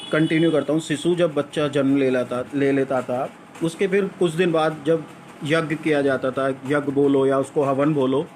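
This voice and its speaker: A man's voice: on the high side, darkish tone, slight background noise. A man delivering a lecturing monologue to viewers, asking rhetorical questions and repeating his points for emphasis. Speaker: vlogger addressing viewers. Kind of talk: argumentative spoken monologue.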